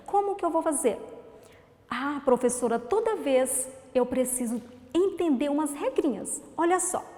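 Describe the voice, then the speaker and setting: A woman with a Brazilian Portuguese accent teaching young children in a recorded video lesson. She speaks slowly and clearly, stretches out syllables, and asks the class questions that she then answers herself. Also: high voice, darkish tone, in a large hall. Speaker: primary school teacher.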